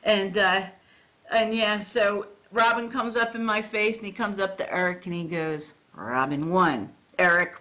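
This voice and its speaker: A woman's voice: medium pitch, steady tone, moderate pace, pushed and bright, a little hiss or hum. A woman hosting a casual chat show, telling stories with frequent giggles. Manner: giggly, chatty storyteller. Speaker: host.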